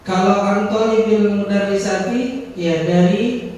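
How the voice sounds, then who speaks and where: A man's voice: high voice, takes it slowly, a little mellow. A man teaching Arabic grammar, quizzing students and repeating their answers. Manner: prompting, correcting and repeating answers. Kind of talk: classroom lesson, quizzing students. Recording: echoey hall, voice from far off.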